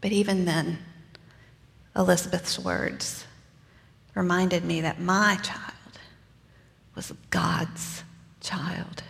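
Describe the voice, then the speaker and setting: Mary, a gravelly earnest young mother, as a woman preacher plays her. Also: lowish voice, fairly even intonation, very slow, pauses often, a bit bright, big-room sound, heavily acted. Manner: conversational, earnest storytelling with casual asides. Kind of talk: first-person dramatic sermon monologue.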